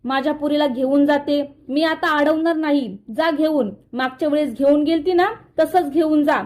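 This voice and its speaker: A woman voicing a sharp-tongued middle-aged mother-in-law who scolds and taunts. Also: sits high, steady tone, normal speed, lightly acted. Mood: scolding.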